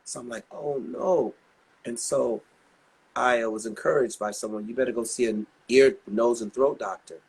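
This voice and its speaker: A husky-voiced man in his sixties talks as an interview guest. He rambles through anecdotes in a casual, chatty way with many asides. His pitch sits in a middle range for a man. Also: fairly even intonation, moderate pace. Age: 60s. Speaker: guest singer.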